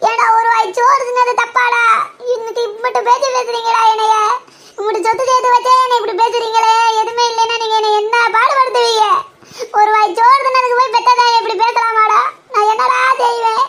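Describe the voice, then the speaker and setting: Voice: very high voice, little pitch movement, a little fast, pushed and bright. A young performer as a bossy old mother-in-law. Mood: wailing. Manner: bossy, taunting, fake wailing.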